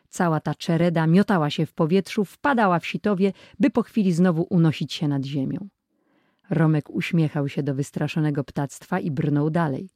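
A narrator reading a children's adventure audiobook in a steady storytelling manner. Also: medium pitch, no room sound, studio quality.

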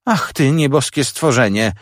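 A man voicing a stern, scolding older sister with a sharp, nagging delivery. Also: medium pitch, huge pitch swings, very slow, slightly rough, no room sound, studio quality, pitched above the performer's own voice, full character voice.

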